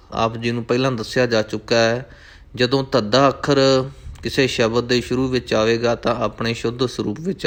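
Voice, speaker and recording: A man with a Punjabi accent reciting scripture line by line in a slow, measured chant and breaking off to explain correct pronunciation. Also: mid-range voice. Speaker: Sikh scripture recitation teacher.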